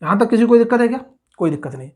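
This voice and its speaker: A woman tutor giving an exam-prep math lecture at a board, mixing English terms into her speech and often asking the class whether it is clear before answering her own questions. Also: on the high side, animated, racing, warm tone. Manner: mixes English terms into Hindi.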